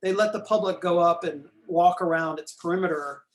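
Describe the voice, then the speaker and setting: A man records a lecture while pointing out features on a map, his voice fading as he keeps clearing his throat and apologizing for it. He sits high in pitch and talks fairly quickly.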